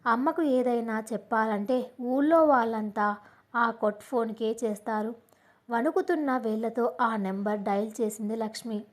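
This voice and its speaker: A woman narrating a dramatic audio story in a measured, scripted storytelling manner. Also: on the high side.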